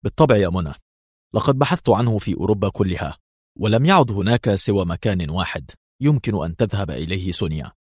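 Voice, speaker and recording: Man doing a steady, decisive agent; low, husky, firm delivery. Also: dry recording, studio quality. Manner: firm, measured. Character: calm decisive male secret agent.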